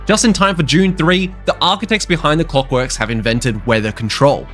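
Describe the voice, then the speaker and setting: A man's voice: a little high, normal speed, faint music behind. A young man with a sick voice narrating a game update video in a playful, joking way. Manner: playful, joking, animated delivery. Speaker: gaming YouTuber.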